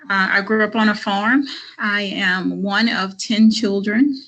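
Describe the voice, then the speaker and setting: A middle-aged woman from Arkansas, a job candidate giving an earnest, measured introduction with frequent ums on a video call. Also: mid-range voice, steady tone, fairly bright tone, muffled recording. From Arkansas, USA. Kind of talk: formal video-call interview.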